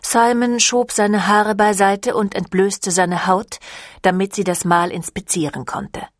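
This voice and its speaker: An audiobook narrator, a woman with a mid-range voice, reads a novel aloud in a measured, even storytelling style. The scripted narration has clean studio sound with no echo.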